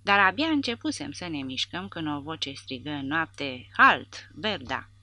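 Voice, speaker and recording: A woman narrating an audiobook in a measured, even reading. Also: low-pitched, no room sound.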